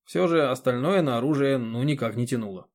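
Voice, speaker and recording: A man reading an audiobook in a steady, even narrating voice. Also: mid-range voice, brisk. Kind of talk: scripted narration.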